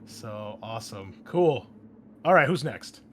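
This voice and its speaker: Recapping the game and chatting at the table, this host and game master talks in a medium-pitched, animated voice without hurrying. He's casual, enthusiastic and slangy, with noticeable noise in the background.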